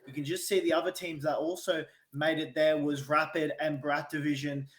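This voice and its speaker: Male esports caster, upbeat and talky, slightly high voice, roomy echo. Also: little pitch movement, normal speed. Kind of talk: casual play-by-play desk chat.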